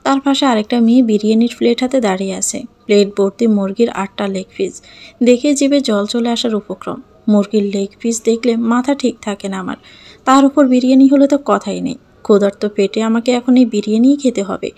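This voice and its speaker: A young woman narrating a first-person audio story in a lively way, acting out her own scenes. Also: fairly high pitch, brisk.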